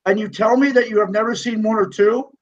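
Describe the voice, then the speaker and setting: Animated high-voiced man ranting. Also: quick pace. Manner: animated, swearing rants. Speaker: podcast co-host. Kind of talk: casual chat. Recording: dull lo-fi sound.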